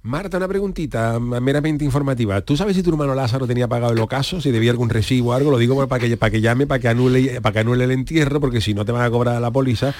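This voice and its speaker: A man voicing a pushy, greedy talent agent in a radio comedy sketch, with a rapid salesman patter. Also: mid-range voice, a little mellow, dry recording. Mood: wheedling. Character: pushy fast-talking male talent agent.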